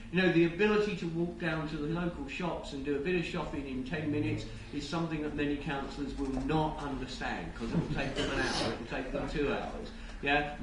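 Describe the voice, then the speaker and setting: Male conference speaker, rushed and stammering lightning talk with dry asides; distant mic, clearly noisy room. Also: a little high, heavy reverb. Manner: halting, with stammered word repeats. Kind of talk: live public presentation with wry asides. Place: indoor event room with an audience.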